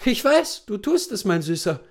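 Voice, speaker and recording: A man reading the part of a wealthy American wife, soft, sleepy and taunting. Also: medium pitch, sing-song, normal speed, pitched above the performer's own voice. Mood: languid, taunting.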